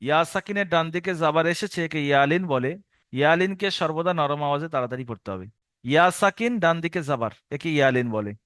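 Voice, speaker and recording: High-voiced man teaching, dry close sound. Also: expressive, fast, fairly bright tone, no echo. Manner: patient, repeats rules for memorizing and drags out spelled syllables. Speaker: Quran reading teacher. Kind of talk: recorded lesson for adult learners.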